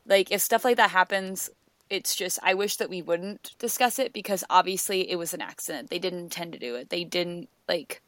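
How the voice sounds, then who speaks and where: A woman's voice: lowish voice, normal speed, fairly bright tone, no room sound. Woman podcaster rambling, lots of likes and ums, dry sound. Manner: rambling, filler-heavy, swears casually. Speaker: podcast co-host. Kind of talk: casual chat.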